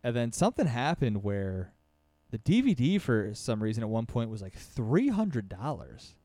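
A man chatting casually about movies, lively and swearing freely, often trailing off and restarting. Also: medium pitch, moderate pace, no echo.

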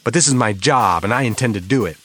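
A man's voice: lowish voice, animated, fast, a bit bright, faint music behind, pitched above the performer's own voice. A man voicing an angry, tough young detective, snapping with rage. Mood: furious. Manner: snapping, raging, contemptuous.

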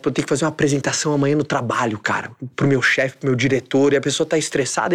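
A man with a Brazilian Portuguese accent, chatting casually and telling stories in an animated, slangy way. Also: on the high side. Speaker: podcast guest. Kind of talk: casual chat.

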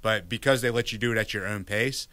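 A man's voice: fairly low pitch, fast talker, pushed and bright, dry recording. A man in his thirties from Virginia, a guest in a casual interview, speaking candidly with many fillers and restarts. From Virginia, United States.

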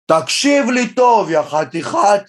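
A man acting out a furious small-town mayor who shouts indignantly down the phone. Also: high voice, big pitch swings, pitched above the performer's own voice.

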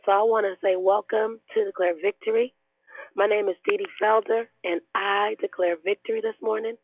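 A woman speaks over a tinny, narrow phone line in a hoarse, raspy voice that sounds unwell. Her pitch is average, and she talks and prays with earnest, conversational praise, as a speaker on a devotional call. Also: level tone, brisk, no room sound. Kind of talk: devotional talk and prayer on a group call.

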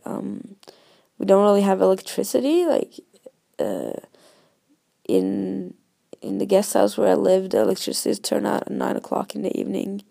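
A woman travel vlogger, a non-native English speaker, talks casually and hesitantly to her followers in a gravelly voice, hoarse from a cold. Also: medium pitch, dark tone, no room sound, clean studio sound. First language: not English. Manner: informal, rambling, hesitant.

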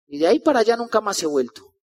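A man's voice: high voice, very animated, rapid-fire, a little mellow. A Colombian man giving a personal storytelling talk as a motivational speaker, acting out the dialogue in his story as he goes.

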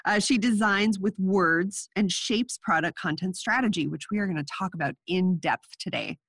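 A podcast host runs a casual interview while sounding a little nasal from a cold, chatting away and restarting her sentences. Her voice is lowish, creaky, husky, and fairly bright, at normal speed in a dry recording.

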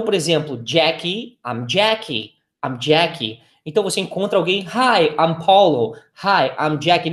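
A man with a Brazilian Portuguese accent, teaching English and saying phrases slowly and clearly so learners can repeat them. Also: fairly high pitch, a bit bright. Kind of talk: language lesson with repeat-after-me drills. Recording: echoey room.

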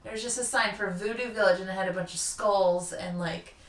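Chatting informally about local history, this podcast co-host keeps things jokey and conversational. She speaks fairly quickly at medium pitch with fairly even intonation, and the audio is echoey, picked up far from the mic.

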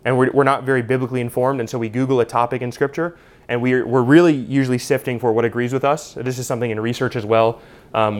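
A man teaching a Bible study class in a conversational way, with lots of "you know" and "uh". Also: medium pitch. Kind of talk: unscripted teaching talk.

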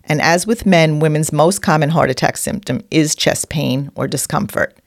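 A woman's voice: low-pitched, normal speed, no echo, studio quality. A woman with a New York accent co-hosting a conversational health discussion. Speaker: podcast co-host.

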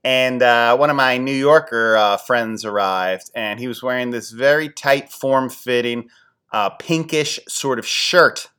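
A man's voice: mid-range voice, measured pace, smooth. Rambling storytelling man from Philadelphia. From Philadelphia area. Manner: rambling, self-deprecating, animated when quoting friends. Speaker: podcast host. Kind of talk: casual storytelling monologue.

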